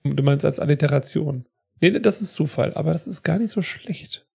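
A man co-hosting a podcast, giving chatty, reflective commentary on a TV episode with quick asides. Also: a little high, vocal fry, dark tone, breathy edge. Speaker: podcast co-host. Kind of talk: casual chat.

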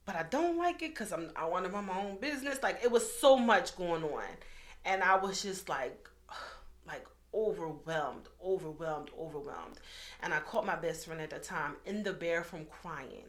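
A woman in her thirties speaks candidly in a casual interview, her voice sitting a little low. She tells her story in a loose, conversational way and slips into the voices of other people as she recalls them. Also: moderate pace. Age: 30s. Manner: candid, animated, acts out quoted voices. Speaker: guest.

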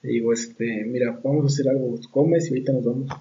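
A man's voice: mid-range voice, fast talker. Slangy Mexican man, distant and muffled. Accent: Mexican Spanish. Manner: slangy, profane, animated storyteller. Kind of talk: casual chat, storytelling.

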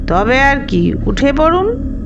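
Hoarse curt stranger man, read by a woman, broken voice, dull noisy recording. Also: sits high, big pitch swings, takes it slowly, exaggerated voice.

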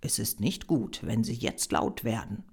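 A woman reading a German story voices a curt, guarded young male photographer in a lowered voice. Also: lively intonation, unhurried, gravelly, a little mellow, husky, full character voice.

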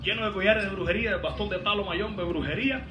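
A man preaching, his high voice swinging from quiet storytelling to shouted exclamations. He sounds far from the microphone in a reverberant hall, with steady noise behind him. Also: quick pace, over music. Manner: fervent, rising to shouts, teasing asides. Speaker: pastor. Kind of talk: sermon. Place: large hall, voice heard from a distance. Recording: echoey hall, distant mic, background noise.

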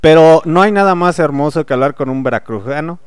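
A man's voice: a little high, animated, brisk, clear, resonant tone, no echo, studio quality. A man from León, Guanajuato, with a Bajío Mexican accent, hosting a casual radio chat, slangy and joking, swearing freely. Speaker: radio host.

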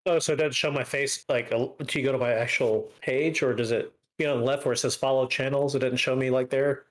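A man's voice: mid-range voice, fairly even intonation, fairly quick. A man hosting a casual gaming stream show, rambling with many fillers and restarts. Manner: rambling, filler-heavy, self-correcting. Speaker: host. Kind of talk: casual gaming podcast chat.

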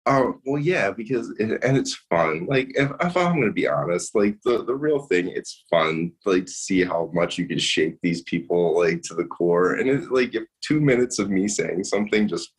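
A man's voice: sits low, lively intonation, moderate pace, hardly any pauses, slightly rough. A man, a sports radio caller chatting as a guest, ranting and restarting his sentences. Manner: ranting, repeats words, restarts often. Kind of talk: casual chat.

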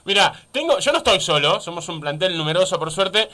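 An Argentine man with a Rioplatense accent hosts a radio interview. His voice is high and bright, and his speech swings lively up and down as he chats eagerly and keeps agreeing with his guest. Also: brisk. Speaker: radio host.

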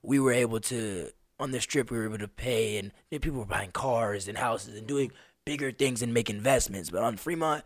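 Young man, twenties, slangy animated storyteller, mid-pitched voice, dry close sound. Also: brisk, no echo. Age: 20s. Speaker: podcast guest, street performer. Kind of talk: casual conversation.

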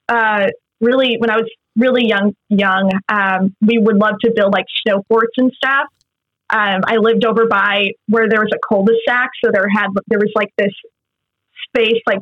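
Giggling and chuckling through her casual chat, an actress from Massachusetts in the United States is a young interview guest. She speaks at normal speed in a slightly high voice with fairly even intonation, and the close recording is dry, dull and a little lo-fi.

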